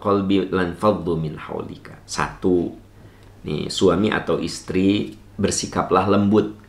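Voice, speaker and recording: A man preaching a sermon in with a light tinge, asking rhetorical questions and swinging his voice up and down as he answers a listener. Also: echoey room. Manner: animated, swooping pitch, rhetorical questions.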